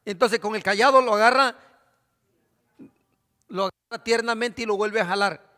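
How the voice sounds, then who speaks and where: A man's voice: high voice, moderate pace, pushed and bright. A man preaching a sermon as pastor, asking his congregation questions. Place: church. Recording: reverberant church hall.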